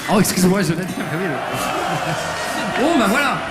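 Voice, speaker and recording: High-voiced joking male stage host. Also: sing-song. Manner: playful, teasing, quick to joke and cheer on the crowd. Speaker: stage host of a fighting-game contest. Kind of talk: live event emceeing. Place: convention stage before an audience. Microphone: handheld stage mic. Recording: echoey hall with music.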